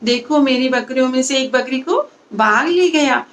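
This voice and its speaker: A woman's voice: expressive, normal speed. A woman doing a mischievous shepherd boy. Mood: upset. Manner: shouting high and loud, gleeful teasing. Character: mischievous young village shepherd boy, prankster.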